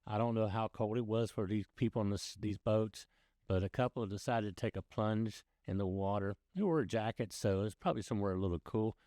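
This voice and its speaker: A man with a fairly low voice presents boating news in a close, dry recording. His delivery is casual and folksy, like chatting straight to his online viewers. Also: fairly quick, dark tone, no room sound. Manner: folksy, addresses viewers as guys. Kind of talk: casual video news commentary.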